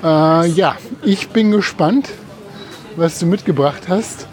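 A man's voice: fairly high pitch, takes it slowly. A man co-hosting a casual podcast, chatting while walking outdoors along a city street. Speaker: podcast co-host. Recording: faint street and traffic noise behind.

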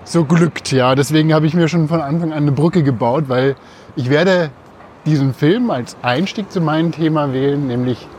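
Male podcast co-host, fairly high voice, casual explanatory chat on a walk, faint outdoor noise. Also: normal speed. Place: outdoors in a city, walking. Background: faint outdoor ambience.

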